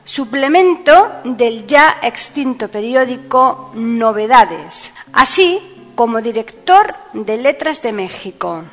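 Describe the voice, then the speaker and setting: A woman hosting a podcast, reading a scripted introduction and biographical narration in a measured, announcer-like way. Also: on the high side. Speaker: podcast host. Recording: long reverb, guitar music underneath. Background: guitar music.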